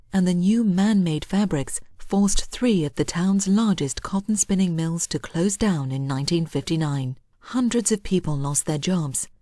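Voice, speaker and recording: A woman's voice: lowish voice, warm tone, no room sound. A woman reading scripted narration for a historical documentary.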